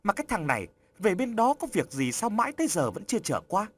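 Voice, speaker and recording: A fretful older countrywoman exclaims and presses with anxious questions, as a male narrator puts her on. Her pitch rises well above his own and leaps around, storybook style. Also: wildly swooping pitch, fast talker, full character voice. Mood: alarmed. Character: worried older countrywoman, a mother. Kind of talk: audiobook character voice.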